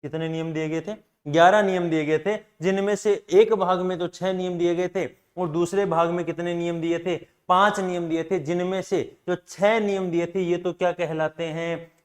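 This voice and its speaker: A man's voice: high-pitched, fairly even intonation, normal speed, hardly any pauses. A man teaching a library science class, asking questions aloud and answering them himself, repeating key points for students to remember. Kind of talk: classroom lecture.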